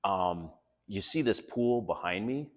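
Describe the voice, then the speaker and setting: A man's voice: on the low side, lively intonation, a little slow, big-room sound. A middle-aged man from Canada, hosting his vlog and talking frankly and earnestly, swearing freely. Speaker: vlog host. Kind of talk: candid personal vlog talk. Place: outdoors by a residential pool.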